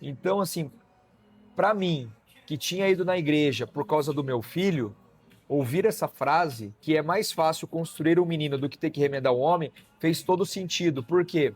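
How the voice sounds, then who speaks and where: A man's voice: a little high, moderate pace, breathy edge, faint music behind. A man, a physician guest telling a personal story in conversation and acting out the dialogue. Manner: storytelling, acts out quoted dialogue, frequent "né?" tags.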